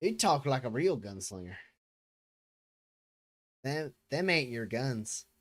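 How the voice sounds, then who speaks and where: A man playing a folksy, world-weary, shrewd frontier character in a tabletop role-play, musing with pauses. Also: medium pitch, sing-song, a bit bright. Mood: wry, probing. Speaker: tabletop role-play player or game master.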